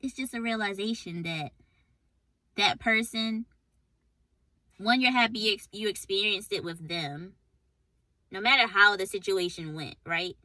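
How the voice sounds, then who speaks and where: A woman co-hosts a casual podcast in a bright, crisp voice, chiming in with quick agreement and reflecting thoughtfully on relationships. The recording is dry, with no room echo. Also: mid-range voice. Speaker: podcast co-host.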